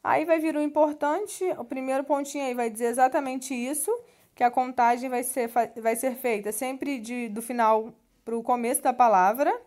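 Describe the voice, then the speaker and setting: High-voiced Brazilian woman teaching. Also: a little mellow. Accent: Brazilian Portuguese. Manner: patient, explanatory, with frequent "né" tags and restarts. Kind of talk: classroom lesson walking through a textbook.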